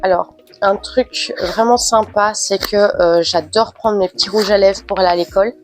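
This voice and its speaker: A woman with a head cold talks through an unboxing in a relaxed, chatty way, her voice stuffy and nasal. She stops often with hesitant fillers, her pitch sits in the middle, and soft music plays faintly behind her. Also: moderate pace. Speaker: unboxing vlogger. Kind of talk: casual unboxing chat.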